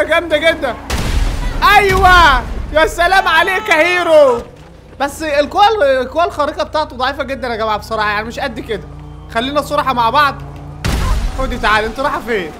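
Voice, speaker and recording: A man with an Egyptian accent giving excited gameplay commentary, yelling at the game's characters. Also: very high-pitched. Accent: Egyptian Arabic. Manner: excitable, yells at game characters. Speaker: gaming YouTuber.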